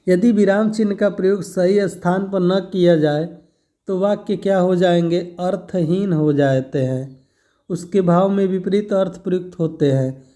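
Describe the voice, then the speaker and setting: Slow, high-voiced male teacher. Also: mellow. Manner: slow, deliberate, asks and answers his own questions. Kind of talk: Hindi grammar lesson for exam prep.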